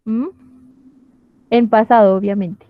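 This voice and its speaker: Slow, patient teacher woman. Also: mid-range voice, steady tone, dry recording, phone-quality sound. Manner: patient, explains step by step with frequent "¿listo?" checks. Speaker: English teacher. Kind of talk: online class. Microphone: computer mic on video call.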